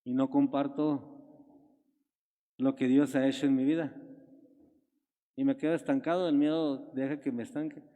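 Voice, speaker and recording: A man's voice: flat delivery, normal speed, long pauses, warm tone, in a large hall, muffled recording. A man preaching a sermon in a church, telling a Bible story and acting out the voices in it. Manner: storytelling, acting out Bible scenes with raised pitch.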